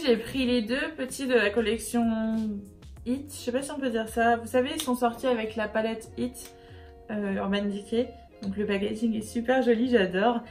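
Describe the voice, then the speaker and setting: A woman's voice: on the high side, a little mellow. A woman beauty vlogger chatting casually and upbeat through a makeup haul, with many fillers.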